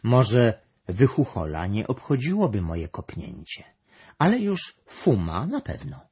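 A man reading a storybook aloud, voicing a calm, thoughtful female creature in a raised voice, in a dull lo-fi recording. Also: mid-range voice, a little slow, slightly rough, pitched above the performer's own voice, full character voice. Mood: explaining.

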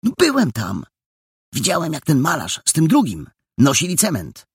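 A man voicing a slow-witted, easily offended young boy in a storybook, hesitant and stammering. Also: on the high side, wildly swooping pitch, slightly rough, no room sound, clean studio sound, pitched above the performer's own voice, exaggerated voice. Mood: puzzled, touchy. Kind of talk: audiobook character voice.

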